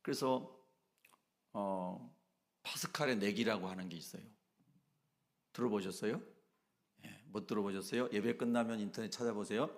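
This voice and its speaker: A man's voice: lowish voice, moderate pace, long pauses. A male pastor preaching a sermon emphatically, often asking the congregation questions.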